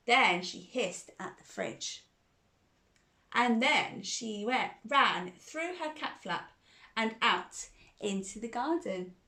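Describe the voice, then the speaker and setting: Hosting a children's storytime, this woman reads a bedtime story in a mid-range, fairly bright voice. Her delivery to the young listeners is exuberant and sing-song, with phrases frequently repeated.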